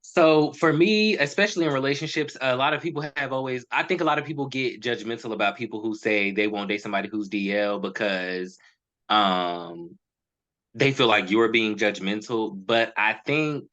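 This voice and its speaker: A young man from Charlotte, North Carolina, opening up as a podcast guest, reflective and animated, often restarting his thoughts. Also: on the low side, normal speed, highs cut off. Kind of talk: candid personal conversation.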